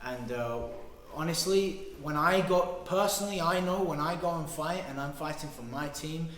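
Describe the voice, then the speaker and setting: A man's voice: on the high side, moderate pace, fairly bright tone. A man who owns a Muay Thai gym and fights pro, talking earnestly and proudly about his team, often trailing off at phrase ends. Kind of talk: interview answers. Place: martial arts gym. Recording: echoey hall.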